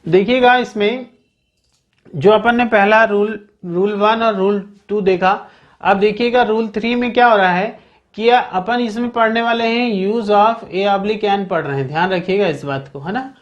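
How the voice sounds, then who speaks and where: A medium-pitched teacher explains a grammar lesson rule by rule, patiently and step by step. He constantly checks understanding, repeating "okay, keep in mind," and slows down to spell out each example sentence deliberately. The recording is muffled.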